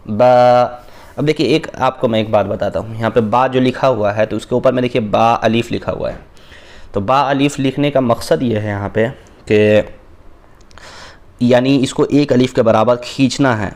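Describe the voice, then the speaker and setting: A man, teaching a beginners' Quran reading lesson, patiently explaining and repeating Arabic letters slowly and drawn out. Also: medium pitch, a little mellow.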